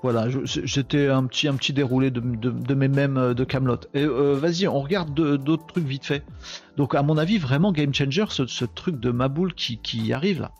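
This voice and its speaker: A man hosts a live tech show in a casual, excitable way, punctuating his talk with quick exclamations. His voice is gravelly. The sound is slightly dull, with faint music playing underneath. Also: medium pitch.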